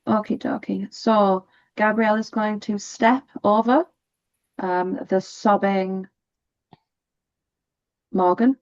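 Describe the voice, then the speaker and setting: A woman's voice: mid-range voice, fairly even intonation, slow pace, pauses often, darkish tone. A woman player in a tabletop game who asks about the battlefield before acting. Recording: dull lo-fi sound.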